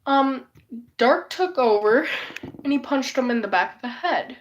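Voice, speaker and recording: A woman whose voice is going hoarse from illness talks on a live stream, drifting from story to story and swearing freely. Her voice sits somewhat high, and she takes her time, talking at an unhurried, drawn-out pace. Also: lively intonation, highs cut off, slight background noise. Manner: rambling, profane, gossipy storytelling. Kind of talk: casual live stream chat.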